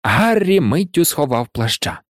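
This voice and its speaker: A man narrating an audiobook in an expressive storytelling manner. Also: fairly high pitch, a little slow, no room sound, clean studio sound. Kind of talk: audiobook reading.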